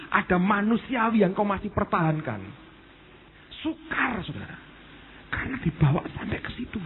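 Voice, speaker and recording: A male pastor preaches with a high, lively voice that leaps up and down as he tells stories to his congregation. The sound is thin and tinny, with a faint hiss behind him. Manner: animated storytelling, addresses the congregation as "saudara". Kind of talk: sermon.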